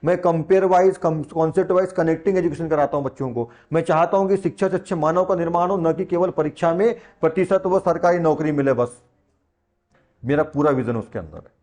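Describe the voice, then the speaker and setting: Male tutor, high-pitched, casual and teasing, speaks with a Hindi accent. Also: a little fast, a little mellow. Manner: chatty, teasing teacher who talks to students directly. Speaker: science tutor. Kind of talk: classroom lesson in Hindi.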